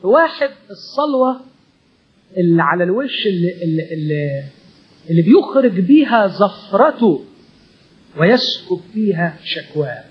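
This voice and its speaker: A man preaching a sermon in an Egyptian Arabic accent, voicing heartfelt prayer in the first person and sinking to a hush. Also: high-pitched, sing-song, normal speed, pauses often, breathy edge, muffled recording. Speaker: pastor.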